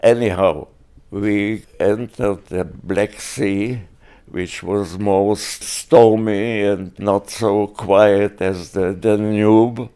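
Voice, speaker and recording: An older man giving oral history testimony, speaking haltingly with many pauses and restarts. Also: on the low side, steady tone, dark tone, clear, resonant tone. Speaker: interviewee.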